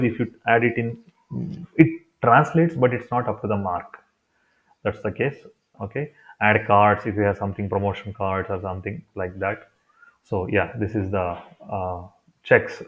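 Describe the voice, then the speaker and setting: A thin, phone-like recording carries a man's fairly low voice. He speaks English with a Kannada accent from India. He walks through software steps informally, improvising and repeating himself as he explains. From Karnataka, India. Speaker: tutorial presenter. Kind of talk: unscripted step-by-step screen tutorial. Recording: thin, phone-like narrow-band sound.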